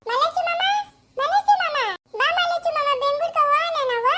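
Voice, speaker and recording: A woman voicing an eager little village girl with a Chikkaballapur Kannada accent, in a squeaky, coaxing, high voice. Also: moderate pace, sharp tone, a little hiss or hum.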